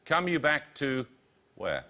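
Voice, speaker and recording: Male quiz host, bright, precise delivery, reads questions crisply. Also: mid-range voice, sing-song, takes it slowly. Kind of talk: reading quiz questions and team introductions.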